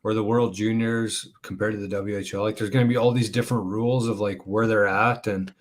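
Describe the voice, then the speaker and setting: A man's voice: lowish voice, little pitch movement, a little fast. A man co-hosting a live golf podcast, chatting casually with friends, rambling and swearing with lots of filler words. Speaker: podcast co-host. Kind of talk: casual chat.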